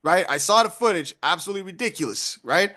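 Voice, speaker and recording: A man's voice: high-pitched, expressive, fast, sharp tone. A man hosting a radio interview, chatty and hype, who keeps tagging his remarks with "right?" and "you know what I mean?". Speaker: radio host.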